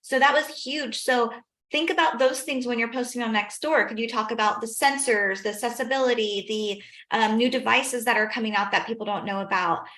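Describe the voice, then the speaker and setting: A woman's voice: fairly high pitch, fairly quick, bright, forceful tone. A woman realtor giving casual advice on a video call, animatedly telling stories and acting out small conversations. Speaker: realtor sharing tips. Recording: roomy, echoing video call audio.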